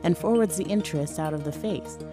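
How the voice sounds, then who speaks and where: A woman reading a scripted explainer as narrator, measured and precise. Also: fairly low pitch. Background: background music.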